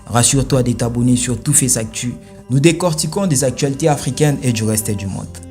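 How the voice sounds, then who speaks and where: A man's voice: mid-range voice, fairly quick. Male commentary host, emphatic and rhetorical, punchy delivery, faint music bed underneath. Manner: emphatic, rhetorical, rising to forceful peaks. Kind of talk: opinionated commentary.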